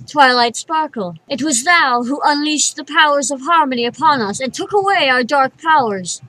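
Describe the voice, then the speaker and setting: A regal cartoon pony princess, speaks in a high, forceful voice. She is imperious and dramatic, declaiming archaic phrases with slow, stately weight. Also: no room sound, full character voice, rough recording. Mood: haughty, formal. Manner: formal archaic diction, royal we, declamatory. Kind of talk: cartoon character voice reel.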